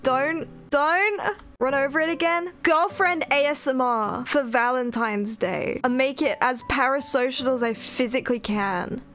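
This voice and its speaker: A woman's voice: high-pitched, a little slow, fairly bright tone. A woman livestreamer chatting casually and playfully with her viewers, with a sweary, giggly manner. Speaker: VTuber livestreamer. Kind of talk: casual gaming stream chat.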